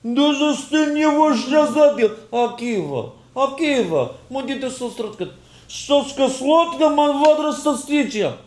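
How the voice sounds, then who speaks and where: A furious male taxi driver with mob ties yells in high, strained bursts, as a teacher acts him out mid-story. His voice jumps far above a normal speaking pitch. The shouting echoes around a roomy space. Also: expressive, unhurried. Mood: angry shouting. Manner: yelling in shrill bursts. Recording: roomy echo.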